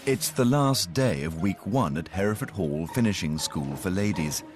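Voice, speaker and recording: Deep-voiced male reality show narrator. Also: expressive, normal speed. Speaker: documentary narrator. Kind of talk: scripted narration. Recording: narration over music.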